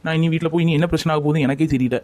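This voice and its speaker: A man's voice: fairly high pitch, steady tone, racing, a little mellow, no echo. A young man in a scripted romantic drama, talking with reproach and coaxing. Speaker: lover in a family skit.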